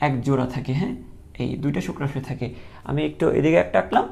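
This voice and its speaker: Gravelly male teacher drilling key terms. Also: on the high side, quick pace, a little mellow. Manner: repeats key terms as questions, drilling students. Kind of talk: online lecture.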